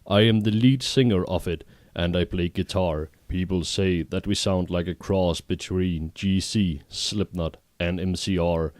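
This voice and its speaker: A man reading a fanfiction aloud exactly as written, in a deadpan voice, with brief asides. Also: low voice, unhurried, hardly any pauses, dry recording. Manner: deadpan, reads errors as written. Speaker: reader.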